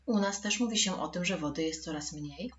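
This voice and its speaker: A woman's voice: lowish voice, a little fast, a bit bright, lo-fi sound, slight background noise. A woman teaching a recorded school lesson for children, patient and addressing the pupils directly.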